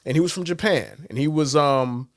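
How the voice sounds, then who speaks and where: A man's voice: a little high, moderate pace, no room sound. Blunt, profane man on a sports podcast. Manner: blunt, profane, animated storytelling with quotes. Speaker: podcast co-host. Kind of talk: casual sports talk.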